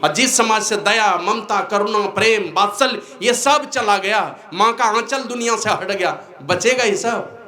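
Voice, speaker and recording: An older man, a spiritual teacher, gives a devotional discourse, swinging between raised exhortation and low, slow asides. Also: bright, forceful tone, roomy sound.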